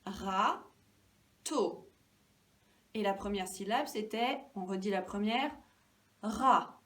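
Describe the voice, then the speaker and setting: A woman teacher giving a lesson to young children, speaking slowly and clearly, stretching out syllables and encouraging them. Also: medium pitch, distant mic.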